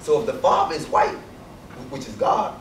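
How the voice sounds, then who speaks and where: Speaking at normal speed, a man gives an emphatic speech to a university audience, peppering the crowd with rhetorical questions. He is an invited speaker in a lecture hall. There is slight background noise, and the echoey hall is heard from far off.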